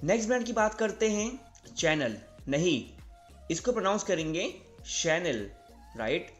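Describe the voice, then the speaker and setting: A young Indian man giving a casual video lesson, repeating words slowly and often checking with "right?". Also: high-pitched, expressive, soft background music. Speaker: English teacher.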